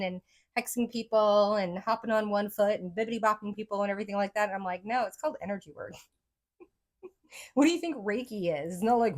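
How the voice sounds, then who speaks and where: A woman psychic reader talking casually to her viewers, rambling with lots of "like" and "right?", her speech a mix of accents she picked up from many places. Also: mid-range voice.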